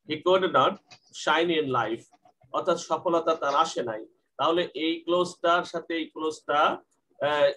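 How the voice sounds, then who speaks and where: A man teaching English grammar in Bengali, asking questions and answering them himself, and reading English example sentences slowly. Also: on the high side, fairly bright tone, rough recording.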